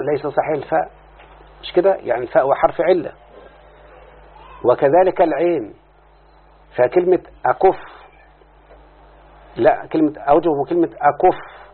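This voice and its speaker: Egyptian guy teaching grammar, kinda high voice, keeps asking the class to answer back, tinny lo-fi sound. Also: husky. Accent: Egyptian Arabic. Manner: repeats questions to students, stretches out key words. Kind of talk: grammar lesson. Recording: phone-like lo-fi recording.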